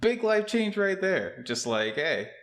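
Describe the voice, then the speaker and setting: A man's voice: high voice, very animated, a little slow, a bit bright. A young man co-hosting a casual podcast. He rambles with many fillers and restarts, and his voice echoes like a cave because his room is still empty. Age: young adult. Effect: cave-like echo from an empty, bare room. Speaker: podcast co-host. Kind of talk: casual chat. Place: empty new home office, indoors.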